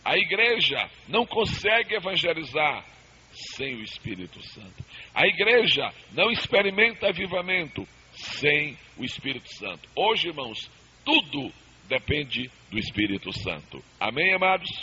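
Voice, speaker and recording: A man's voice: on the high side, sing-song, normal speed, sharp tone. A male pastor teaching a Bible seminar, emphatic and calling for amens, heard from a worn old tape copy. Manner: emphatic, calls for amens and repeated answers. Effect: worn old tape copy with hiss. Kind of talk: preaching Bible study to a congregation. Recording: muffled hissy old cassette tape.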